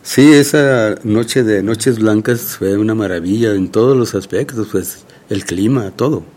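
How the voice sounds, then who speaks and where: A man's voice: lowish voice, measured pace, darkish tone. A man, hosting a casual radio chat and often chiming in with short agreements. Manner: brief agreeing interjections.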